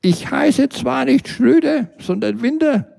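Man doing a calm clerk woman on speakerphone. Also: extremely high pitch, vocal fry, husky, voice pushed up, heavily acted. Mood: gelassen. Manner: unflustered, slow and matter-of-fact.

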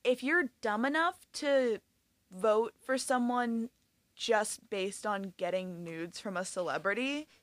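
A young woman in a casual chat, talking in a relaxed way with many fillers. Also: a little high, slow pace, dry recording. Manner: relaxed, filler-heavy talk.

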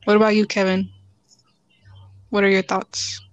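A woman's voice: mid-range voice, monotone, a little slow, no echo, highs cut off. A young woman co-hosting a casual chat, blunt and teasing. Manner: blunt, teasing, frequent "like" fillers. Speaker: podcast co-host.

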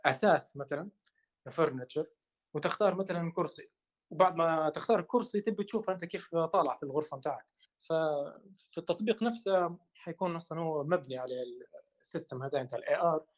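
A man with a Libyan Arabic accent, a guest on a podcast, explaining technology step by step with examples. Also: a little high. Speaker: guest expert. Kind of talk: casual podcast conversation.

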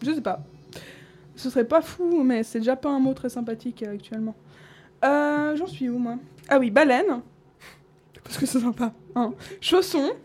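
A woman's voice: high-pitched, normal speed, darkish tone, slightly rough. A woman host in casual chat, listing old slang words with amusement and frequent laughs.

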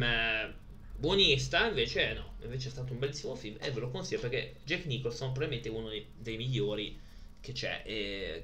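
A man's voice: mid-range voice, bright, forceful tone, a little hiss or hum. A man hosts a film review video in casual, hesitant, rambling chat with blunt slangy asides, while suffering from a headache.

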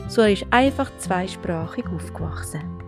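With music in the background, a Swiss vlogger and mother in her forties talks casually to her camera at a normal speed. Her mid-range voice is animated and carries a Swiss German accent, and she laughs often while slipping in English.

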